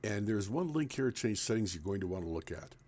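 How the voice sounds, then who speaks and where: A tech tutorial presenter plainly explains a computer task step by step in a screen recording. His voice is fairly low and darkish, animated, and a bit fast.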